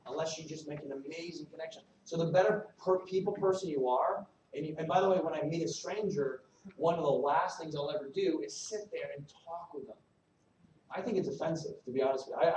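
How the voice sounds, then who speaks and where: A man giving a live recruiting training talk to his team, animated and salesy, joking with the audience. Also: a little high, fairly quick, a little hiss or hum. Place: meeting room at a regional event. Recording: echoey room from a distance, faint ambience.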